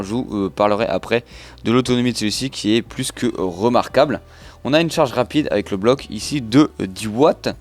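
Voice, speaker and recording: A man with a French accent talks through a phone review in a relaxed, conversational way. He often asks a question and answers it himself. His voice sits in a middle pitch, with faint music playing underneath. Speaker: tech reviewer. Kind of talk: product review narration.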